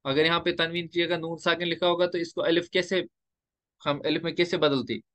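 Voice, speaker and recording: A man teaching Quran recitation rules in a lecture, explaining step by step and slowing down to recite example verses. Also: a little high, fairly even intonation, a bit bright, dry recording.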